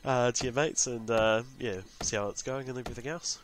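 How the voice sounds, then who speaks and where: Speaking a little fast at a medium pitch and steady tone, this New Zealand-accented man hosts a gaming channel. In a casual let's-play with a noisy background, he offers rambling, chatty commentary while playing, muttering to himself in between addressing viewers.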